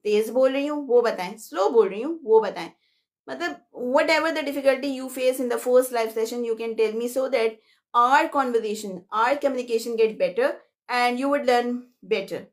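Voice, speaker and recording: A young woman from Pakistan teaches a live online lesson. Her voice is high and she speaks unhurriedly. She explains step by step and moves between Hindi-Urdu and English. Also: takes it slowly.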